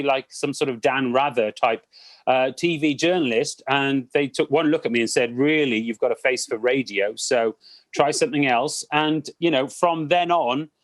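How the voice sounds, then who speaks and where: Male, slightly high voice, close dry recording; animated, anecdotal interviewee who acts out quotes. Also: no room sound. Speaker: cruise director interviewed about career. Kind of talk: conversational interview answers, anecdotal.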